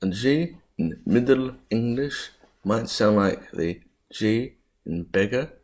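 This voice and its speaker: Slow, deliberate male lesson narrator. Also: mid-range voice, lively intonation, a little mellow. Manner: deliberate, spells out sounds, occasional stumbles. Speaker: student presenting a history lesson. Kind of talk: scripted explanatory narration.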